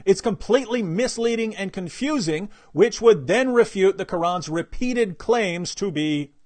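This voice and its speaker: A man with a fairly high voice hosts a live online discussion. He talks in an animated, lively way, laughing and mimicking the people he argues against. The sound is dry and close, with little room around it. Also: unhurried, dry recording. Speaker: host.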